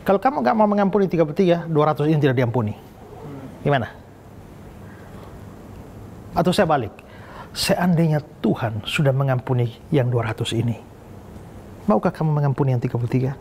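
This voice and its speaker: Animated male preacher, faint room noise. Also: a little high, fairly quick, long pauses. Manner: animated storyteller, acts out dialogue voices. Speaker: pastor. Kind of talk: sermon.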